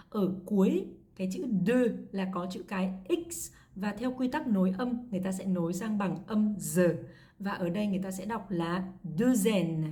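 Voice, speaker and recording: A woman's voice: mid-range voice, mellow. A woman teaching French pronunciation, spelling names letter by letter in a careful dictation lesson. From Vietnam.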